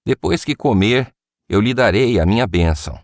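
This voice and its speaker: A man reading the words of Isaac, an old father, in a solemn, measured voice. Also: lowish voice, animated, no echo, clean studio sound, voice pushed up.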